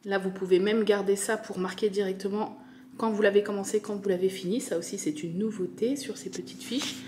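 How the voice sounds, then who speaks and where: A woman's voice: mid-range voice, steady tone, fairly quick, dark tone, a little hiss or hum. A French woman with a French accent, chatting casually and enthusiastically as she unboxes a craft kit, full of fillers and repeated words. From France. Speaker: crafting vlogger.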